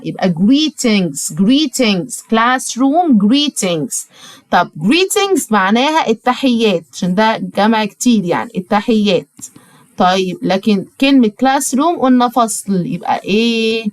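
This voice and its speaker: A woman with an Egyptian accent teaching English to young pupils, talking directly to the child and repeating words slowly, syllable by syllable. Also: fairly high pitch, expressive, no echo, rough recording. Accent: Egyptian Arabic. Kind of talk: online lesson with spelling drills.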